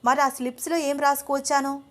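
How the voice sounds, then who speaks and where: A woman's voice: high-pitched, level tone, a little fast, a bit bright, pitched above the performer's own voice. A woman voicing a headstrong young wife and student who answers back in a pouty, defiant way. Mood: protesting.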